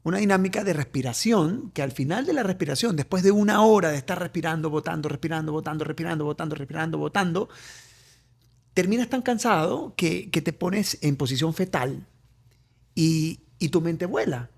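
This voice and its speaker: A man's voice: high voice, animated, normal speed, slightly rough. A middle-aged man with an Ecuadorian accent, a coach and author, telling a personal story as an interview guest, often repeating phrases for emphasis.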